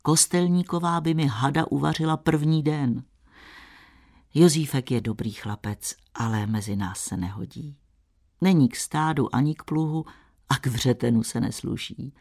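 A man's voice: a little high, a little mellow. A man reading the part of a bold young shepherd girl who talks frankly and plainly. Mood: amused.

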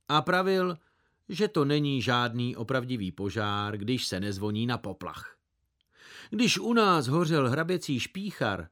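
A man narrating a children's novel aloud in an expressive storytelling manner. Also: medium pitch. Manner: expressive, wide-ranging storytelling. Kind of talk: audiobook reading of a children's novel.

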